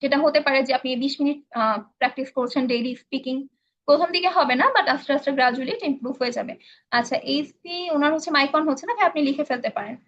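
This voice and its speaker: Woman english instructor, live online q&a, high voice, dull lo-fi stream sound. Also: fast, a bit bright. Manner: explanatory, with frequent fillers, mixing in English phrases.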